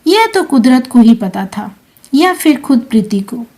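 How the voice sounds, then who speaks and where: A woman narrating an emotional story in a slow, tender storytelling manner. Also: on the high side, sing-song, warm tone.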